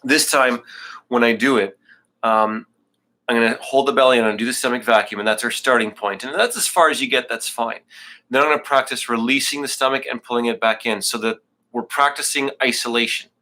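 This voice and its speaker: Casual, bright-voiced male yoga teacher. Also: medium pitch, a little fast. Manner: casual, self-joking coaching with breathing cues. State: out of breath. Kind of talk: live online class instruction.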